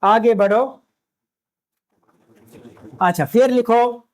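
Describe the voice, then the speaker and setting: A man teaching Urdu script in a classroom lecture, patient and repetitive, spelling letters out slowly. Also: extremely high pitch. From India.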